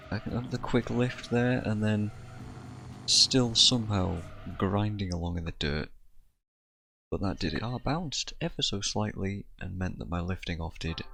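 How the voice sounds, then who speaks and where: A man giving casual, sarcastic commentary over his own racing gameplay, excitable and swearing when frustrated. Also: lowish voice, vocal fry. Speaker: gaming YouTuber.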